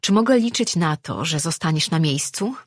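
A woman's voice: deep voice, expressive, moderate pace, husky, dry recording, studio quality. A narrator voicing a compassionate, practical woman healer in an audiobook reading, speaking firmly. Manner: firm and practical.

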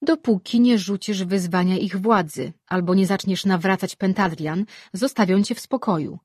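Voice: mid-range voice, moderate pace, slightly rough, dry recording, natural voice. A reader voicing Tamun, a spiteful-sounding old woman's mind voice, dry and teasing, in a fantasy audiobook.

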